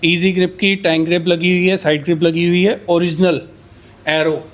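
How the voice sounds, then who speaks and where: A man pitching used superbikes in a casual, boastful way, rattling off price countdowns. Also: level tone, normal speed.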